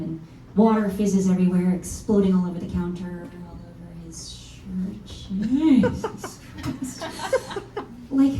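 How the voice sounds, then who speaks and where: In a stage monologue for a live reading, an actress leading a one-woman musical plays a frank, self-mocking songwriter around thirty returning home, speaking with wry confession and casual profanity in a very dark, mellow, mid-range voice. Her performance is only lightly acted. She is heard distantly in a roomy small venue over a faint instrument, with a little hiss or hum.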